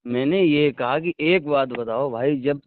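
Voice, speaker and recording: A man on a phone call keeps defending himself, pleading for the other person to listen. He speaks in a mid-range voice at an unhurried pace, and the recording is tinny, dry and free of echo.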